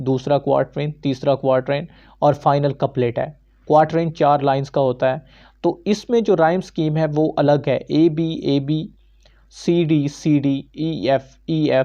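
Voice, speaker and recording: A man's voice: fairly high pitch, warm tone. A man lecturing on poetry as a teacher, explaining step by step and mixing English terms into his talk. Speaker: literature teacher. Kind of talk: classroom lecture. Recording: dull lo-fi recording.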